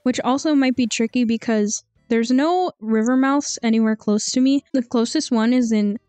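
A woman's voice: a little high, moderate pace, dark tone, clean tone, no echo, faint music behind. A young woman hosting a gaming channel, chatting casually over gameplay in an upbeat way with a slight lisp from braces. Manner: chatty and upbeat, with frequent ums. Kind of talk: casual game commentary voice-over.

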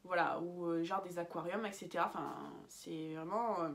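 A woman's voice: fairly low pitch, fairly even intonation, moderate pace. A young woman giving casual, chatty advice in a vlog, full of fillers and restarts and laughing at her own slips. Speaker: bird-keeping vlogger.

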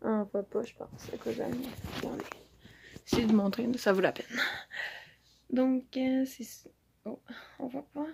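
A woman's voice: a little high, steady tone, unhurried, vocal fry, pauses often, mellow, breathy edge. A young woman with a Quebec French accent, chatting casually through a haul video with many fillers as she shows things to the camera. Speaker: vlogger. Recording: dull lo-fi audio with faint noise.

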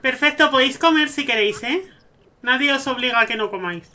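Bright, gushing young Spanish man. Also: very high-pitched, a little fast, a little hiss or hum. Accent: Spain Spanish. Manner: gushing, excitable, sentimental. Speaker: gaming streamer. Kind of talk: casual let's-play commentary.

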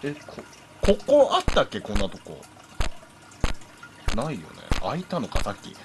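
A man's voice: mid-range voice, huge pitch swings, moderate pace, noisy background. Jumpy man with lilt playing horror game. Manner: jumpy, talks back at the game with jokes and complaints. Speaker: game commentator. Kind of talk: horror game playthrough commentary.

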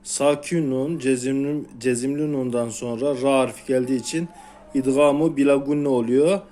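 A man's voice: medium pitch, fairly even intonation, warm tone. A man with a Turkish accent teaching Quran reading, sounding out and stretching syllables one by one for beginners. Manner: slow, drawn-out syllables repeated for learners. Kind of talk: syllable-by-syllable recitation lesson.

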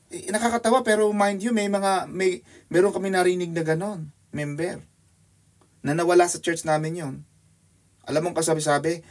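A man with a Filipino accent preaching a sermon in an animated, teasing way that leaps up in pitch for emphasis. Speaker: pastor. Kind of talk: sermon teaching.

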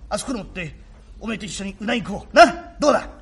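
Man playing a rough remorseful working father. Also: sits high, animated, racing, full character voice. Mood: apologetic. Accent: Tokyo shitamachi (Edo). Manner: rough, apologetic, gruff tenderness. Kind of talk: rakugo storytelling.

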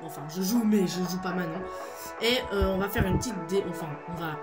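A man's voice: high-pitched, a little fast. A teenage boy hosting a video, giving rambling, playful commentary on a game with many hesitations. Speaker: gaming video host. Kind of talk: casual gameplay commentary. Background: game music.

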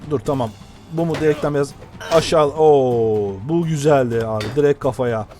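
A man giving casual, excitable commentary while playing a video game, often shouting at it. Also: mid-range voice, normal speed, over music. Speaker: gameplay commentator.

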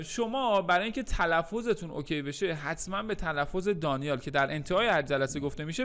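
A man teaching English in a recorded lesson, repeating English phrases slowly and then explaining them, with playful joking asides. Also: high-pitched, sharp tone, smooth. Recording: faint music underneath.

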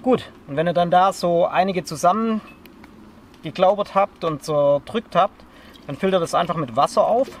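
A slightly higher-pitched man in his thirties talks through a hands-on outdoor task in a relaxed, chatty way. He is recorded outdoors in a forest camp by a camera some distance away, with a faint hiss behind him. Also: normal speed. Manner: relaxed and chatty, explains step by step while working. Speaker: bushcraft instructor. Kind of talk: casual outdoor how-to demonstration. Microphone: camera a few meters off.

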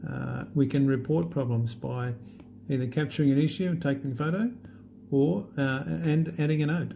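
Gravelly man demoing an app. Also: fairly high pitch, a little hiss or hum. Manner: relaxed, halting, many fillers. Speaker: app demonstrator. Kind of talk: unscripted screen demo walkthrough.

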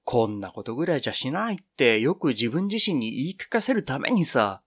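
A man's voice: mid-range voice, very animated, fairly quick, slightly rough. A man reading the part of an eager, boyish young woman in a storybook reading. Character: eager young woman nicknamed Yuki-bouya.

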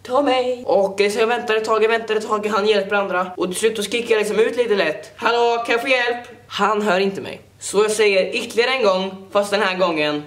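Teen male vlogger, high-pitched and animated, jokey storytelling, reverberant room. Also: hardly any pauses. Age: teens. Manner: animated, jokey, keeps apologizing. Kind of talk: casual storytelling to camera.

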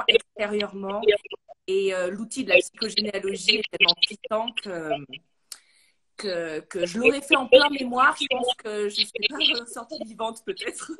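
A woman talks as a therapist guest in a casual live-stream chat, hesitant and filling pauses as she goes. Her voice sits at a middling pitch. Crowd chatter carries behind her over the phone line. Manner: hesitant, many filler sounds. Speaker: psychogenealogist and psychoanalyst guest. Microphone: phone, later a headset.

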